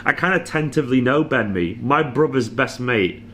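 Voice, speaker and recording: Hungover tired lad doing a casual footy reaction, blokey, bit of noise in the background. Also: male voice, medium pitch, animated, normal speed, a bit bright. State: hungover, exhausted. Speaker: football fan channel host. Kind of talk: casual post-match reaction monologue.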